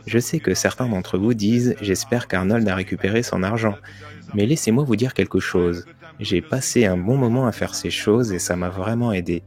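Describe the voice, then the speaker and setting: Low-voiced man narrating a motivational talk. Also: moderate pace, darkish tone. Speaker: voice-over narrator of a motivational speech. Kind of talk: dubbed speech delivered as a first-person talk.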